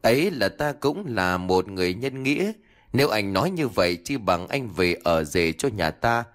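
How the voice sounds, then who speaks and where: A man's voice: fairly low pitch, very animated, moderate pace, fairly bright tone. A man voicing a cruel, scheming old village woman who scolds and taunts in a ghost story. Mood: scornful.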